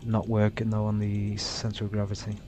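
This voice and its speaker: A man with a fairly low voice plays pilot in a flight simulator. He talks to himself casually and haltingly, slipping into radio phraseology. A faint rumble sits behind the voice. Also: monotone. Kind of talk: casual self-narrated gameplay with radio calls. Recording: rumbly background noise.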